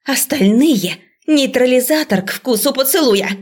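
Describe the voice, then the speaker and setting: A woman doing a shrill, bossy witchcraft professor. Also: lively intonation, normal speed, breathy edge. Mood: commanding. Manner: loud, barking orders.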